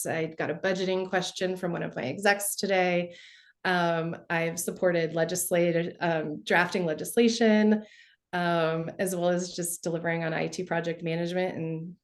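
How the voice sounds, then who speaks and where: A woman with a low voice and plenty of vocal fry talks on a video call. She describes her consulting career in a relaxed, unhurried way, with frequent fillers. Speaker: alumni panelist.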